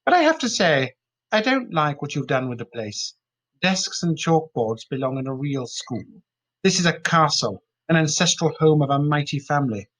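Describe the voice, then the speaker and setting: A man's voice: a little high, sing-song, moderate pace, a bit bright, rough recording. A man voicing a cruel, haughty old aristocratic mother with a sneering manner, in a storybook reading.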